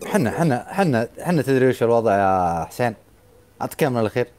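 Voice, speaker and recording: A man's voice: mid-range voice, big pitch swings, quick pace, a little mellow. A man, a live streamer taunting his rival and urging his viewers on in a boisterous stream battle.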